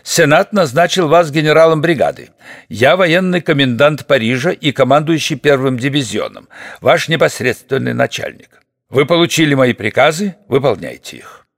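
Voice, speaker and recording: A man's voice: mid-range voice, lively intonation, normal speed, vocal fry, few pauses, no echo, studio quality. A man voicing a harsh, domineering conspirator general who gives curt, peremptory orders in an audiobook. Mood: commanding.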